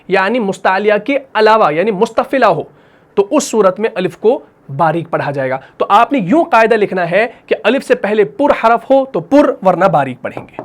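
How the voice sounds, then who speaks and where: Patient man teaching Quran recitation rules. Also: sits high. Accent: Pakistani Urdu. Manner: explains patiently, repeats rules, models drawn-out recitation. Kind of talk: tajweed lesson.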